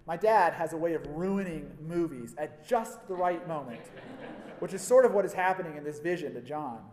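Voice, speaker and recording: A man delivers a sermon in a fairly high voice, telling stories and slipping in wry asides. His words ring out with the long reverb of a large hall. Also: moderate pace, a little mellow. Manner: storytelling, wry asides, varied emphasis. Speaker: preacher. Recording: echoey hall.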